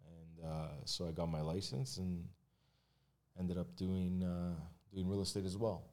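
A man's voice: low-pitched, little pitch movement, a little slow, darkish tone. A man speaking as a guest in a casual podcast conversation about his work in mortgages and real estate, candid and loose, with plenty of fillers and restarts. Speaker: mortgage agent and realtor guest.

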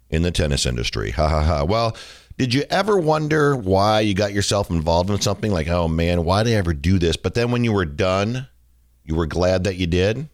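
A middle-aged man hosting a podcast, telling stories in a relaxed, joking way with plenty of fillers. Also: sits low, dry recording, clean studio sound. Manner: chatty, jokey storytelling with fillers. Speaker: podcast host. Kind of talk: casual podcast monologue.

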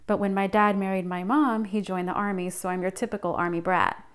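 A woman's voice: mid-range voice, fairly even intonation, brisk, smooth. Upbeat woman hosting a podcast. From United States. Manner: upbeat, personal storytelling. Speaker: podcast host. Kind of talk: scripted podcast narration.

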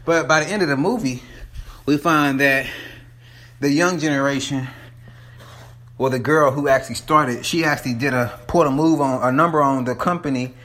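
A man's voice: mid-range voice, moderate pace, a bit bright. A man rambling casually and profanely about a movie, a bit out of breath as he climbs the stairs of a townhome while holding his phone. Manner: loose, profane, chatty, restarts often. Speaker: vlogger reviewing a movie. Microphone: phone held in hand.

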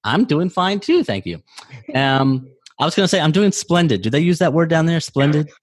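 A man's voice: a little high, sing-song, moderate pace. A man with an American accent, hosting an interview podcast and introducing and questioning his guest. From New Jersey, US. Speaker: podcast host.

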